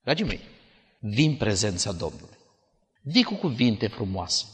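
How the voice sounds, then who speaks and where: Animated male preacher in a reverberant hall. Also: on the low side. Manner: animated storytelling with dramatic swings. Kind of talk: sermon. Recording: long church-hall reverb.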